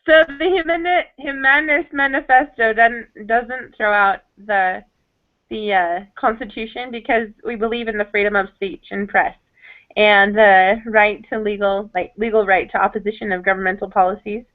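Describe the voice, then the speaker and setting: A woman's voice: mid-range voice, fairly even intonation, moderate pace. Woman on a clipped phone line. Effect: clipped, breaking-up phone-line audio. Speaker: debater arguing the humanist side. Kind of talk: classroom debate over a video call. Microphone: video call. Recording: tinny call line with faint music.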